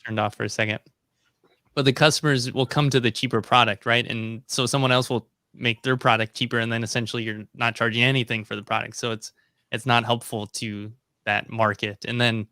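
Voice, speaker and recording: A man's voice: medium pitch, level tone, brisk, pushed and bright, no echo, clean studio sound. Man hosting over a video call. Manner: rambling, many ums and restarts. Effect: video call audio. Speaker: host. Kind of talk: casual live-stream chat.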